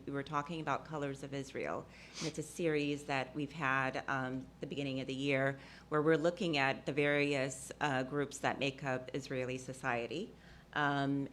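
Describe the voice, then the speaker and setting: A woman's voice: extremely low pitch, a bit bright, a little hiss or hum. A woman from Ethiopia speaking on a discussion panel, hesitant and full of fillers, often laughing.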